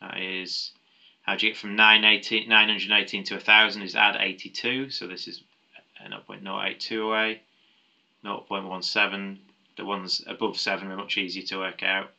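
Male maths tutor, lowish voice with a very bright edge, talks through problems aloud with ums and restarts. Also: level tone, normal speed, vocal fry, muffled recording. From United Kingdom. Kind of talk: explaining a maths paper step by step.

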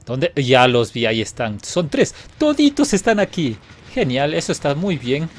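A man giving playful, taunting live commentary while playing a game, now and then breaking into excited laughter. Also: on the high side, normal speed. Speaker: gaming video host.

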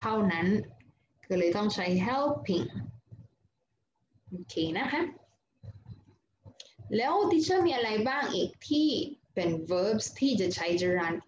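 Thai-accented lady teacher, reads verb lists real slow, dull roomy audio with a little hiss. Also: mid-range voice, lively intonation. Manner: switches between English and Thai, reads word lists, asks and answers her own questions. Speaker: English teacher. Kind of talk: online grammar lesson. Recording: roomy, dull lo-fi sound with faint noise.

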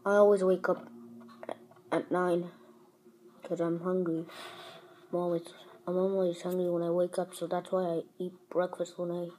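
A woman's voice: lowish voice, flat delivery, moderate pace, long pauses, mellow, slight background noise, poor audio. A woman chatting casually in a home vlog, talking while she eats breakfast. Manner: chatty, talks while eating. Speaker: vlogger.

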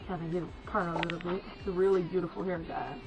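This is a fast-talking young woman with a lowish voice and a flat delivery, who has a slight cold. She gives a casual hair tutorial, chatting to her viewers and calling them "guys." The setting is a small indoor room next to a folding screen, captured in dull lo-fi sound with background music.

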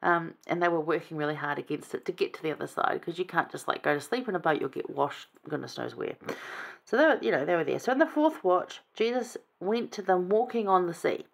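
A woman's voice: lowish voice, lively intonation, a little fast, gravelly. A woman giving a casual, chatty scripture lesson, enthusiastic and conversational. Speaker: scripture study teacher.

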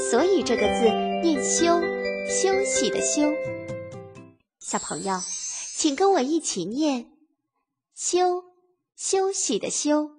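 A woman narrating a scripted lesson for small children, simply and in a singsong way as if reading to a toddler, repeating words for listeners to follow. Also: high voice. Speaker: children's literacy teacher and narrator.

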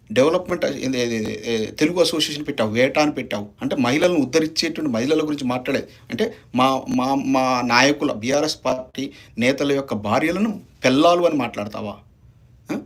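A man giving a heated political statement, firing off accusations and rhetorical questions. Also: medium pitch. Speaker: opposition party leader.

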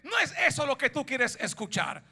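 A man voicing a defiant male prophet who speaks with drawn-out, mocking sarcasm. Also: very high-pitched, huge pitch swings, vocal fry, bright, forceful tone, exaggerated voice. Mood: sarcastic.

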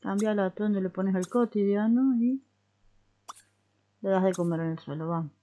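A woman's voice: medium pitch, moderate pace, dark tone. Chatty Rioplatense woman coaxing her game characters. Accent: Rioplatense Spanish. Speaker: gaming YouTuber. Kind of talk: casual let's-play commentary.

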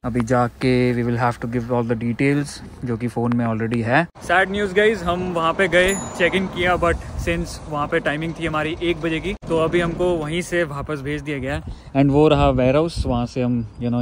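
A man's voice: on the high side, flat delivery, measured pace. Chatty young man vlogging by phone. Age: young adult. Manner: chatty, mixes Hindi and English. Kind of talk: casual vlog talk to camera. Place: outdoors at a truck depot and inside a truck cab. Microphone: phone held at arm's length. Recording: noisy outdoor phone recording.

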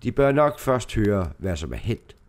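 A hulking, broad-shouldered dealer with a deep voice, as a reader puts him on. He speaks bluntly and firmly, pitched below the narrator's own. A gruff storybook figure. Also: sing-song.

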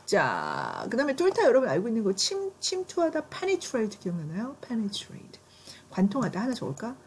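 A Korean woman teaching English vocabulary in a classroom, brisk and checking in with her students often. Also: on the high side, huge pitch swings, a little hiss or hum.

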